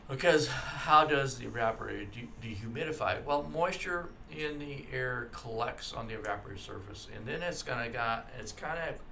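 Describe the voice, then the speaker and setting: Bright-voiced, halting car-class instructor. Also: male voice, fairly low pitch, gravelly, slight background noise. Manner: halting, full of fillers and restarts; frank, adds his own opinions. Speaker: automotive instructor. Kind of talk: slide lecture. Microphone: voice-over for slides.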